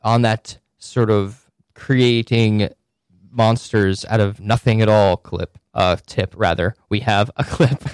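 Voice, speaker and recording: A man's voice: fairly low pitch, steady tone, takes it slowly, smooth, no echo. A man hosting a casual chat, rambling along with many fillers and asides. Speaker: podcast host.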